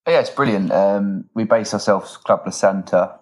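Deep-voiced southern English man. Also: moderate pace. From south of England. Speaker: podcast guest, triathlon coach. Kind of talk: casual interview chat.

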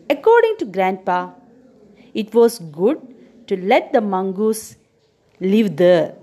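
Slow, lively-voiced woman teacher retelling a story. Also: medium pitch. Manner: expressive, quizzes listeners with questions.

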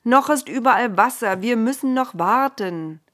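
A woman's voice: on the high side, expressive, moderate pace, a bit bright, voice pushed up. Woman voicing stern old Noah. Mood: patient. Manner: firm, admonishing. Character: old male patriarch Noah, stern and patient.

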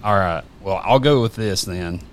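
A man's voice: deep voice, normal speed. A man chatting casually on a podcast, rambling with many fillers and restarts. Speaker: podcast guest. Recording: faint background noise.

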